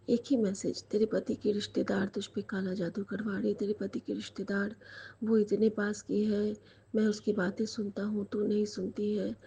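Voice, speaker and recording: A woman, sharing a dream as personal spiritual testimony in a hushed, intimate voice that often drops to a whisper. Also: a little high, gravelly, slightly rough, lo-fi sound. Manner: hushed, intimate storytelling with fillers and soft whispered stretches.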